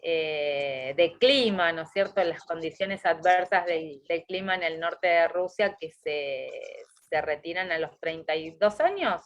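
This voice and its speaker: A woman's voice: fairly low pitch, expressive, measured pace. A woman co-hosting an interview, asking follow-up questions with curiosity and enthusiasm. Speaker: interview co-host. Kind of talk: casual interview talk.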